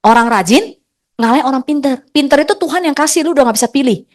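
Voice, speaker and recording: A middle-aged woman, giving a lively, chatty motivational stage talk as an agency leader, teasing her audience. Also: high-pitched.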